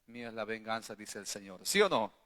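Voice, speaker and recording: Bright-voiced male pastor in a reverberant church. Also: fairly low pitch, animated, brisk. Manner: emphatic preaching, frequent rhetorical questions to the congregation; swings between loud bursts and quiet asides. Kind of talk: sermon. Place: church hall. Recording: long hall reverb.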